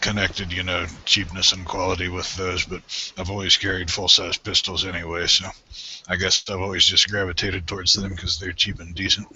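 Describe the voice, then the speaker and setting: Deep-voiced man, bright edge. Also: little pitch movement, a little fast, dull audio, slight background noise. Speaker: podcast panelist. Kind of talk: casual chat. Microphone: personal microphone on a voice call.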